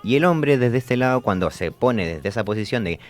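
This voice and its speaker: A man hosting a psychology discussion, pausing often with fillers and restarts. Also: medium pitch, animated. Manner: hesitant, many fillers and restarts. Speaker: podcast host.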